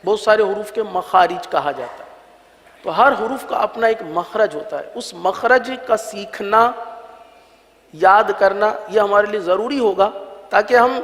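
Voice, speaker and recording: A man teaching a religious recitation lesson, patiently sounding out each letter slowly and repeating it for learners to copy. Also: sits high, a bit bright, long reverb tail.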